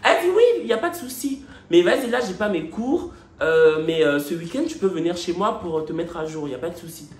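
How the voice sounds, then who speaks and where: A man quoting a calm, offhand young woman classmate who reassures easily, with many hesitant fillers. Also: high-pitched, fairly quick. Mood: reassuring. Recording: echoey room with faint music.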